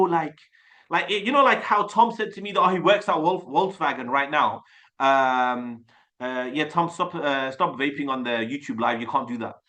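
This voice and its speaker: A man's voice: a little high, a bit bright. A man with an English accent coaching viewers on a casual livestream, rambling and chatty and drifting off on tangents. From England. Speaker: sales coach.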